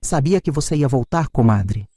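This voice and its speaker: A man's voice: mid-range voice, expressive, moderate pace, mellow, slightly rough, no echo. A man voicing a menacing woman neighbor tied to gangsters, speaking coldly and with threat. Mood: threatening. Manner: cold, threatening.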